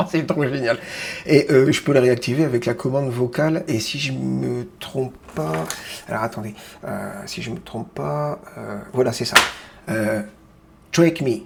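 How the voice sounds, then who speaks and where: A man speaks at a middle pitch, gushing with enthusiasm as he shows off a gadget at home. His talk is loose and chatty, full of little fillers and false starts. He sounds like he is in a small room, picked up by a webcam mic. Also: normal speed, gravelly, background noise. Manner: enthusiastic, keeps repeating how great it is. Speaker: tech video host. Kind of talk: casual product demo.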